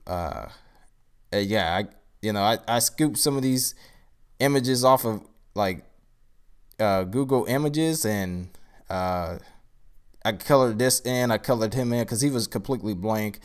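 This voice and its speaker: A man with a somewhat low voice, groggy and worn out after a long day. He talks loosely and thinks aloud, wandering through casual explanations on a live stream. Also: measured pace, long pauses, clear, resonant tone. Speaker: card game creator.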